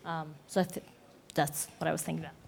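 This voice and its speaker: Hesitant low-voiced woman. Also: flat delivery, fast talker, creaky, a little hiss or hum. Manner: hesitant, repeats words, many fillers. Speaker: forum participant. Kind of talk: panel discussion remarks.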